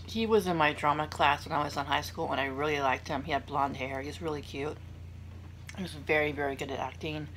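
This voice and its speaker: Eating on camera for her mukbang, a young woman talks fairly quickly in a low, steady, slightly bright voice, rambling through stories and poking fun at herself. The audio quality is poor, with clear room noise behind her.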